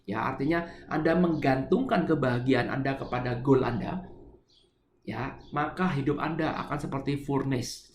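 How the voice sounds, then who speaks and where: A man's voice: medium pitch, reverberant, slight background noise. A middle-aged man giving a spiritual lecture, explaining a poem line by line and having listeners repeat words. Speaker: spiritual teacher.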